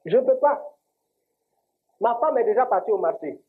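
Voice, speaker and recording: Ivorian shopkeeper guy, high lively voice, sounds like a tinny phone. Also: moderate pace. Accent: Ivorian French. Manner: defensive, stubborn. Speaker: shopkeeper in a comedy sketch. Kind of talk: scripted comedy sketch. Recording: tinny lo-fi audio.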